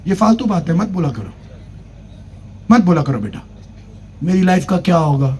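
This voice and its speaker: A man's voice: high-pitched, big pitch swings, normal speed, darkish tone. A man preaching at a church convention, telling a humorous personal story, acting out the dialogue and urging the congregation to clap. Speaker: pastor. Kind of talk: sermon.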